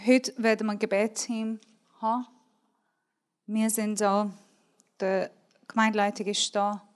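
A woman with a Swiss German accent preaching a sermon, earnest and emphatic, repeating key words and sometimes dropping to a soft, near-whispered tone. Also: medium pitch, level tone, unhurried, clean tone.

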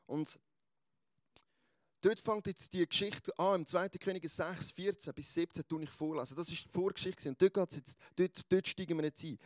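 High-voiced preacher. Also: male voice, no echo. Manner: animated storytelling, emphatic. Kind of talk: sermon.

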